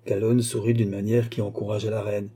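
A man reading a historical novel aloud in a measured, calm storytelling manner. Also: on the low side, slightly rough. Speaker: audiobook reader. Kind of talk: audiobook narration.

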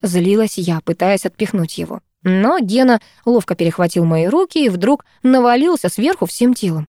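A woman audiobook narrator reads a first-person novel aloud on a close mic, steady and absorbed in the story. Her voice is mid-range at normal speed, with no echo.

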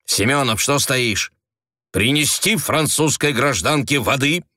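A man's voice: medium pitch, expressive, measured pace, sharp tone, dry recording, studio quality, pitched above the performer's own voice. A man reading an audiobook, voicing a brusque, sarcastic secret police agent who gives orders. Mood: commanding. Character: gruff, mocking male secret police agent.

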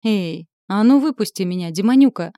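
A woman's voice: on the low side, normal speed, warm tone, no room sound, studio quality, natural voice. A woman voicing a hot-tempered young heroine who snaps back with defiance. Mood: shouting. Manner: snappy, defiant.

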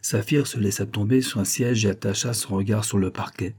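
A man narrating a classic novel as an audiobook in a measured, even reading. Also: lowish voice, slightly rough.

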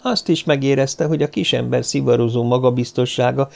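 A man narrates an audiobook at a measured pace. His mid-pitched voice has a gravelly texture throughout. The reading is steady and story-driven. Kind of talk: scripted narration.

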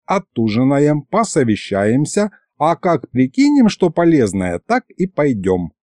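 A man voicing a gruff, fussy old grandfather in an audiobook, with folksy grumbling that turns to yelling. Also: a little high, wildly swooping pitch, a little slow, no echo, studio quality. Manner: folksy grumbling, yells when angry. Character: gruff old male house spirit, fussy and hot-tempered.

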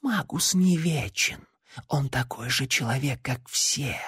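A man voicing a living female shadow spirit in an audiobook, whispering slowly and coaxingly. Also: medium pitch, lively intonation, fairly bright tone, no room sound, studio quality, full character voice. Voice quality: whispered, breathy. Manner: slow, coaxing and intimate.

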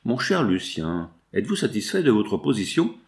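A man's voice: fairly low pitch, sing-song, moderate pace, gravelly. A man reading aloud and voicing a wealthy, guilt-ridden older father torn with anxiety. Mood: measured. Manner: anxious, brooding.

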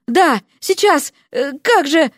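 A woman voicing a panicked young male student prince who yells in high, jumpy bursts in a storybook reading. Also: lively intonation, takes it slowly, dry recording, studio quality. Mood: flustered.

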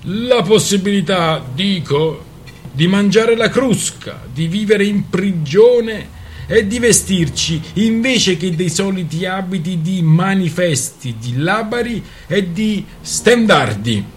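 A man voicing a sharp-tongued man who mocks others with sarcasm in a raised voice. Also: a little high, expressive, a little slow, a little hiss or hum, voice pushed up. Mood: mocking. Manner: sarcastic, mocking. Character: mocking, sharp-tongued man, a jester at a party.

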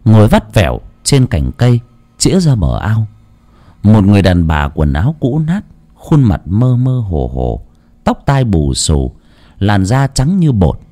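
A man narrating a village ghost story in a hushed, dramatic manner. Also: on the low side, wildly swooping pitch, unhurried.

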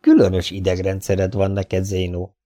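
A man voicing an excitable young male astronaut who exclaims in an audiobook. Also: low voice, lightly acted. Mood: excited.

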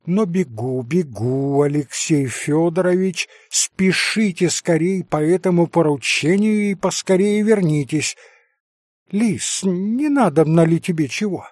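Man doing a fussy society matron, high and gushing, breathless, slightly husky, dry close sound. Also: darkish tone, no room sound. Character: excitable fussy middle-aged society lady. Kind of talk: audiobook character reading.

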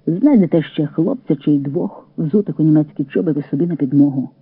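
A man's voice: on the high side, a little fast, breathy edge, no room sound. A man reading good-humoured partisan commander. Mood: wry. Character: calm Ukrainian partisan scout commander man. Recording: tinny lo-fi radio recording.

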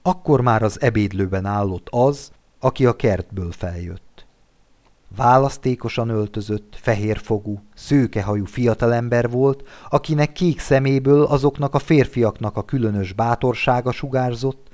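A man reading a classic story aloud as an audiobook narrator, in a measured, calm storytelling way. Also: medium pitch. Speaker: audiobook reader. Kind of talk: scripted narration.

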